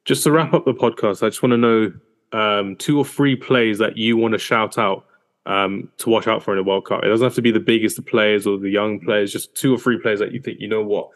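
Fast-talking gravelly man. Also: on the low side, steady tone. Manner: quick, emphatic, teasing. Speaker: podcast co-host. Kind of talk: casual football chat.

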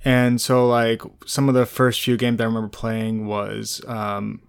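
A man's voice: medium pitch, monotone, a little slow, creaky, smooth. A man co-hosting a casual gaming podcast, laid-back and rambling, often laughing. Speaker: podcast co-host.

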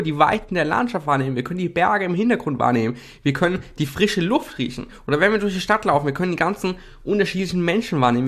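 Slangy young man explaining while drawing. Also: fairly high pitch. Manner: relaxed, slangy, many fillers and repetitions. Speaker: self-help video host. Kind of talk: casual explanatory talk while drawing slides.

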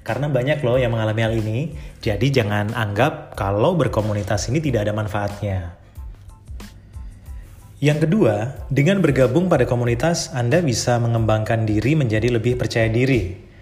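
A man's voice: mid-range voice, normal speed, darkish tone, faint music behind. A man hosting a podcast, talking to listeners in a chatty, upbeat way with fillers and rhetorical asides. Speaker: podcast host. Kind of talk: casual podcast talk.

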